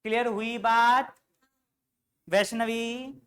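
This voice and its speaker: A man lectures on accountancy to a live class, quizzing students constantly and calling them "beta" with affection as he goes through an example. The pitch is extremely high, the intonation fairly even, the pace slow, the tone a bit bright.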